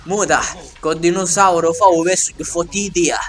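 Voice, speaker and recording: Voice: medium pitch, fairly even intonation, moderate pace, background noise, close to an everyday voice. An actor voicing a frantic, foul-mouthed Sicilian in a comic parody dub of a dinosaur film, with a Sicilian accent and an exclamatory, colloquial manner. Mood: bossy, comic. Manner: exclamatory, colloquial, full of wails and swearing. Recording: music running under the voice.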